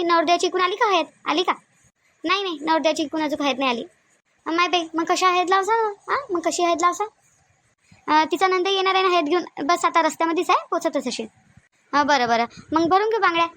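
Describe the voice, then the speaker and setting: With an extremely high, slightly bright voice and a quick pace, a woman voices chatty, bossy village women in a Marathi cartoon comedy. Her manner is colloquial and nagging, in the Varhadi Marathi accent of Vidarbha, and the recording has no echo.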